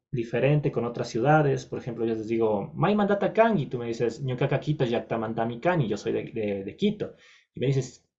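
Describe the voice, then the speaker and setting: A man's voice: mid-range voice, a little mellow, highs cut off. Man teaching a recorded lesson. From Ecuador. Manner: patient, explanatory, with frequent fillers and self-corrections. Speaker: language teacher.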